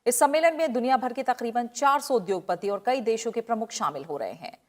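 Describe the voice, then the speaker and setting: Woman anchor reading the news. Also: on the high side. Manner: steady, measured delivery.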